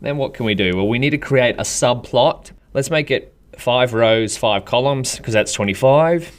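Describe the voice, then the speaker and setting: A man with an Australian accent, talking through a coding tutorial in a relaxed, chatty way and thinking aloud while he types. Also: mid-range voice, moderate pace. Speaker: programming instructor. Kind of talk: screen-recorded coding tutorial. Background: keyboard typing.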